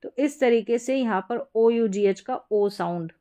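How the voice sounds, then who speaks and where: A young woman teaching English pronunciation, spelling out letters slowly and repeating each word several times. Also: fairly high pitch, mellow, clean tone. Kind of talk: explanatory lesson.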